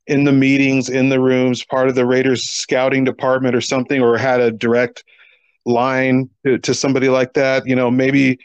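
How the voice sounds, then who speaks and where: A man's voice: medium pitch, monotone, normal speed, clear, resonant tone, no room sound. Sarcastic man on a dull lo-fi podcast. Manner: sarcastic, rhetorical, argues by questions. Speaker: podcast co-host. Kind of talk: casual sports podcast chat.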